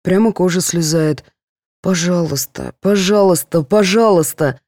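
A woman's voice: on the low side, measured pace, a little mellow, no echo, studio quality. A woman voicing a capricious young female patient who whines and pleads. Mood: pleading. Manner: whining, pleading.

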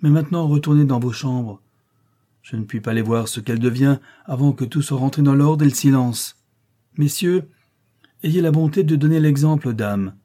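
A man reading a storybook, voicing a brusque, commanding gentleman who orders his guests about in a raised voice. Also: mid-range voice, steady tone, brisk, natural voice. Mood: forceful. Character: commanding gentleman master of a manor.

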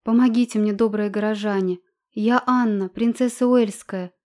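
A woman's voice: on the high side, a little fast, mellow, natural voice. A woman narrator voicing a young runaway princess, pleading and frightened, in an audiobook. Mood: desperate. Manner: pleading, breathless.

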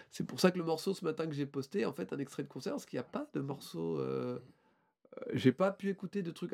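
Rambling French podcast man, slightly high voice. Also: creaky, darkish tone. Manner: rambling, hesitant, with many fillers and restarts. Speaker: podcast co-host presenting a band. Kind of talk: casual podcast chat.

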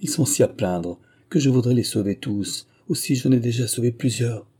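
A man's voice: mid-range voice, normal speed, mellow, breathy edge, lightly acted. A man voicing a kind-hearted poor young woman in a storybook reading, speaking in a raised, earnest tone.

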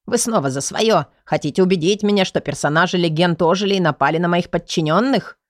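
A woman voicing a panicked, stubborn grey-haired male investigator who shouts and mutters frantically. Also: high-pitched, a little fast, no echo, studio quality, lightly acted. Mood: accusing.

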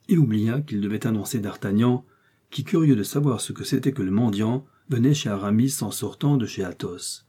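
A man reading a classic novel aloud in a measured, even storytelling manner. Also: on the low side, breathy edge. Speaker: audiobook narrator. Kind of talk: scripted narration.

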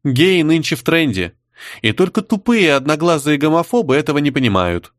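A man's voice: fairly high pitch, very animated, brisk, no room sound, studio quality, voice pushed up. A man voicing a sulky, snide young woman, the spoiled daughter, in an audiobook reading. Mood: pouty. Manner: pouty and snide.

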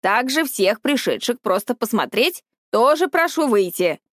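A strict middle-aged deputy head of a school addresses students in a formal announcing tone, her voice set high with a lively lift, as a woman narrator puts her on. The sound is dry and close. It suits a storybook reading. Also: a little slow, no room sound. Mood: official.

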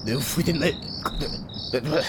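An actor playing a crude, sarcastic male rebel with a gravelly voice who mutters asides. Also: on the high side, a little fast, close to an everyday voice. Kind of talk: amateur audio drama acting. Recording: noisy outdoor ambience.

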